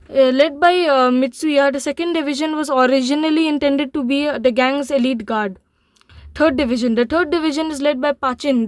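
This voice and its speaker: High-pitched woman reading notes, keeps tripping over words, dead dry room. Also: no echo. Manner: halting, frequent fillers and restarts. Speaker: anime channel host. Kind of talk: reading a scripted manga summary.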